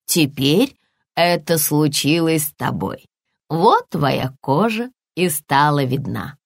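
A woman voicing a calm mother polar bear in a children's story, slow and gently explaining. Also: low voice, gravelly, no room sound, clean studio sound, exaggerated voice. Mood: gentle.

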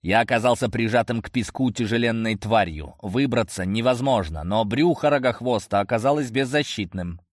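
A man's voice: medium pitch, moderate pace, few pauses, no room sound. Male audiobook narrator, dry and close. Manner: tense, action-driven storytelling. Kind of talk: first-person fantasy audiobook narration.

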